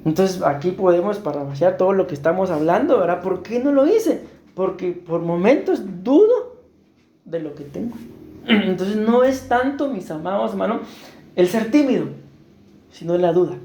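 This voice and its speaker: Costa Rican male pastor, mellow tone, preaching with roomy church echo. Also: sits high, expressive, normal speed, slight background noise. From Costa Rica. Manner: earnest, asks the congregation rhetorical questions. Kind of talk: sermon. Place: church hall.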